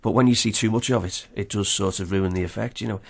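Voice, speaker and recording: A man's voice: lowish voice, steady tone, fast, gravelly, husky. A man with a Liverpool accent chatting informally as an interview guest, peppering his talk with 'you know'. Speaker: interview guest, film fan and exhibitor. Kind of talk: casual chat.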